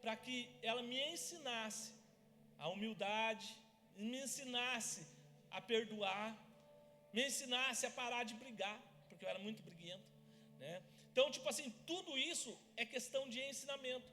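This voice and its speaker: High, bright-voiced preacher man. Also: normal speed. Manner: lively storytelling, acts out family scenes. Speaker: pastor. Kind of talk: sermon with personal stories. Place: church hall. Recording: church hall reverb.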